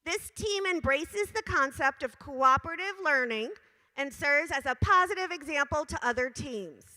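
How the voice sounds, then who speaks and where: A slightly hoarse woman with a high, bright voice presents awards in upbeat, stretched-out calls. She sounds like she is in a large indoor venue, and her voice rings with a long reverb from the hall. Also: lively intonation. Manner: upbeat, drawn-out announcements to a crowd. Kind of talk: announcing awards at a tournament.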